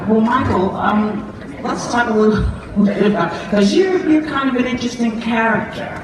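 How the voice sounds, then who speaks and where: A woman's voice: on the high side, normal speed, heavy background noise. A woman hosting a live panel on stage, playful and teasing as she questions guests. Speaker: panel host. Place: large arena theatre with live audience. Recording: echoey arena from far off, loud crowd.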